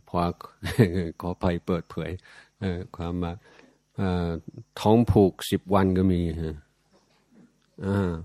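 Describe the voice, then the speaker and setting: Older foreign monk with a deep, dry voice. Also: male voice, mellow, no room sound. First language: not Thai. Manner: halting, many fillers and restarts, self-amused. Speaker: Buddhist monk. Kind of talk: reflective dharma talk storytelling.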